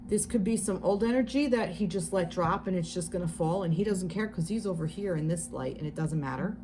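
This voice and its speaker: A woman's voice: mid-range voice, a little mellow, slight background noise. A woman with a New Jersey accent giving a casual tarot reading, rambling along with many fillers, restarts and the odd swear word. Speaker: tarot reader.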